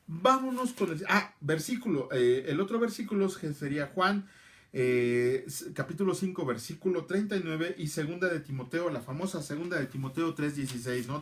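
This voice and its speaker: A middle-aged man, teaching a casual Bible class and answering viewers by name. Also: a little high. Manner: chatty, answers viewer comments by name, repeats phrases.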